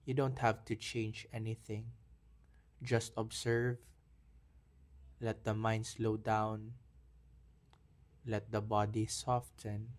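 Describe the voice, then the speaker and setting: A man guiding a calm breathing meditation in a soft, soothing voice. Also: lowish voice. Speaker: meditation guide.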